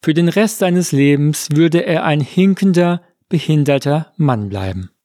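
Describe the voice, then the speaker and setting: Male storyteller, fable reading, calm, deliberate, very slow, fairly high voice. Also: dry recording, clean studio sound. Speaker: narrator.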